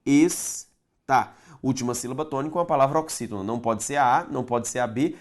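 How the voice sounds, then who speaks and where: A man with a Brazilian Portuguese accent teaching an online grammar lesson, talking straight to viewers, checking they follow and slowly stretching key words for emphasis. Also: mid-range voice. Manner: addresses viewers directly, checks understanding often.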